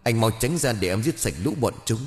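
A man's voice: fairly low pitch, very animated, brisk, in a large hall. A man voicing the vengeful ghost of a young woman, bitter and grieving, spitting out harsh words in an audio ghost story. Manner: harsh, spits words one by one.

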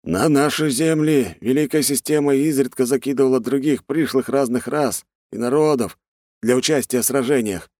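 A man's voice: mid-range voice, moderate pace, darkish tone, no echo, studio quality, voice pushed up, close to an everyday voice. A man voicing a stern, anxious old male servant in an audiobook reading.

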